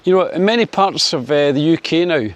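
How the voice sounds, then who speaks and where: Speaking fairly quickly with lively intonation, a man from Scotland in his sixties chats to camera in a casual opinion vlog. He's wry, uses lots of fillers, and lifts his pitch when talking about sunny Spain.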